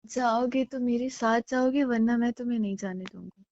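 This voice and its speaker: In a casual romantic drama set over a call, a woman voices a jealous, clingy young girlfriend who argues sulkily, pleading and insisting in a fairly high, darkish voice. It's lightly acted at normal speed, with slightly dull, phone-like lo-fi sound.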